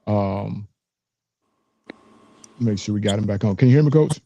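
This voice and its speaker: A man's voice: on the low side, measured pace, mellow. A man hosting a casual, conversational interview. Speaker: interview show host.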